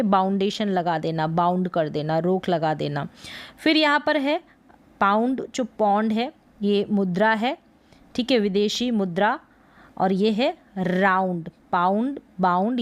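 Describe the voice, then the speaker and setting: A woman teaching English pronunciation in Hindi, sounding words out syllable by syllable in a slow spelling lesson. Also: medium pitch.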